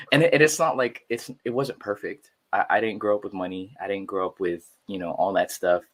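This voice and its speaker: Deep-voiced, laid-back male podcast guest. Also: a bit bright. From Philippines, raised in San Jose, California. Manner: laid-back, easygoing, full of fillers like "you know what I'm saying". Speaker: podcast guest, artist and musician. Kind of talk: casual conversation.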